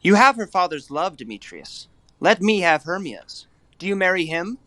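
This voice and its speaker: High-voiced, bold young lover played by a man. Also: sing-song, moderate pace, pushed and bright, dry recording, full character voice. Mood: mocking. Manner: assertive, rhetorical. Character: young Athenian lover, proud, bold and scornful. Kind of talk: Shakespearean verse audio drama acting.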